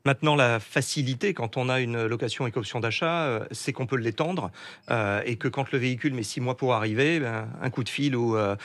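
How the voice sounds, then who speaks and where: A man explaining things as a guest on a radio interview, brisk with some fillers. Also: medium pitch, a bit bright. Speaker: finance company president guest.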